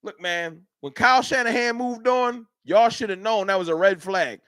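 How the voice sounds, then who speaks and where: A sports fan livestream host from Dallas, Texas, this man rants in an animated, argumentative, heated way at his chat. His high-pitched voice has a clean tone and moderate pace, with no room sound and clean studio audio.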